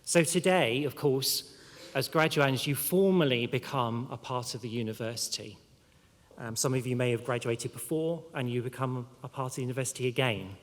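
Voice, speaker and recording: This formal ceremony speech comes from a male university official addressing graduates in a big hall, where long reverb lingers. He has a medium pitch and a non-local, non-Mancunian accent, speaking carefully with pauses and a filler now and then.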